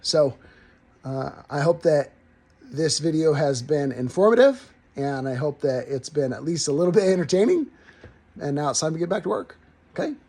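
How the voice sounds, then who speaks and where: A man's voice: on the high side, animated, moderate pace, mellow. A man in his garage, chatting casually and rambling a little as he talks straight to his viewers about his car project. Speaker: DIY car builder vlogger. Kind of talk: casual talk to camera. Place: home garage.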